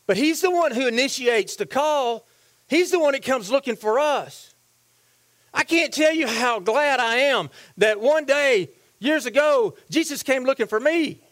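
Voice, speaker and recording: A man's voice: very high-pitched, expressive, unhurried, fairly bright tone. A man preaching a sermon, asking the congregation questions and answering them himself. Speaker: pastor.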